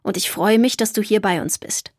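Kindly old storybook grandfather, warm and teasing, read by a woman; dry booth sound. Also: mid-range voice, normal speed, dry recording, natural voice.

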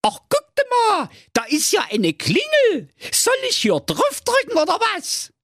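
A man voicing a cheeky, clueless little boy with a very high, squeaky, brash voice in a comic fairy tale. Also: huge pitch swings, measured pace, a bit bright, dry recording, studio quality, heavily acted. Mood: cocky. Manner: brash, silly, insulting.

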